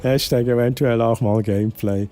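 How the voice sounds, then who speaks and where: A man's voice: medium pitch, fairly even intonation, moderate pace, noisy background. A young man from Switzerland with a Swiss German accent, chatting casually to his chat while gaming, often dropping English exclamations. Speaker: streamer.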